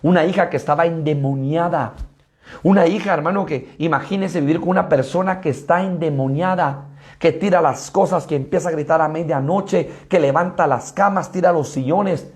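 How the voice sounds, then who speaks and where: A Guatemalan-accented man preaching a sermon in a notably high voice. He speaks with emphatic conviction and turns straight to his listeners as he teaches. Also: moderate pace, a little mellow. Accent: Guatemalan Spanish. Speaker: pastor.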